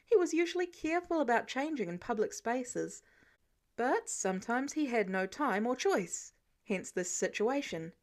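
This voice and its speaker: A woman reading fan fiction aloud as an audiobook, telling the story with expressive, animated delivery. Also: a little high, normal speed. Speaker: podfic reader.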